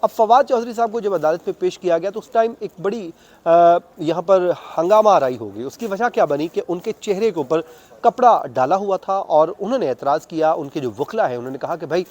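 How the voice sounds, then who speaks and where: This court reporter, a man with a Pakistani accent, has a high, darkish-toned voice and speaks animatedly at a fairly quick pace. His unscripted news account is conversational and detailed, going step by step and sprinkled with English legal terms.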